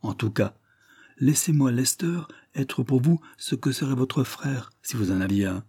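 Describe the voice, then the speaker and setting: A man voicing a generous wealthy gentleman who kindly insists on helping a friend in an audiobook. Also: medium pitch, animated, a little slow, husky, dry recording, studio quality, pitched above the performer's own voice. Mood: earnest.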